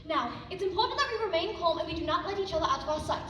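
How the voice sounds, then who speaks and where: A woman acts out a stiff, formal inspector who treats every murder as routine, delivered with theatrical pomp. The voice is very high and lively. It is heard from far back in a reverberant hall with steady background noise. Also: rapid-fire. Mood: stern. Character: pompous male detective inspector, formal and unflappable. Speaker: student actor. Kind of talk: stage play acting. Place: large hall stage with audience. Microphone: far room mic.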